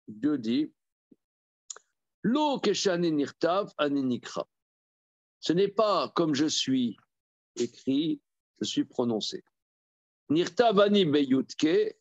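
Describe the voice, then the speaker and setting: A man, a rabbi, teaching a Torah study class. He reads verses aloud, then explains them in a halting way with many repeated words. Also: medium pitch, dry recording, dull audio. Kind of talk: Talmud study lesson.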